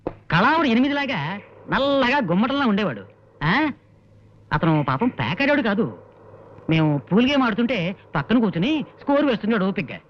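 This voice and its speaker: A chatty card player who spins memories full of card-game quips. His voice is high and jumps up and down. It comes through a dull, lo-fi film soundtrack with a faint hiss. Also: normal speed, pauses often. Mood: reminiscing. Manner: animated, reminiscing with playing-card jokes. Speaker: old acquaintance recalling a friend.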